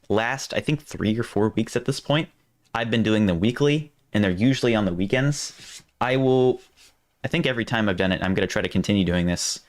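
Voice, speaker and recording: A man hosting a live stream, chatting casually and thinking aloud, his voice going hoarse. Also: fairly low pitch. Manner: rambling, restarts often, thinks aloud. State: losing his voice.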